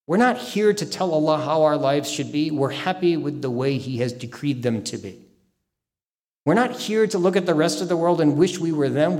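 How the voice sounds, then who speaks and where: A man delivers a religious lecture in an earnest, emphatic voice. He slows right down to lean on the words that matter and recites short Arabic supplications along the way. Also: a little high, a little mellow. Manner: earnest, emphatic, slows down to stress key phrases. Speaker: Islamic lecturer.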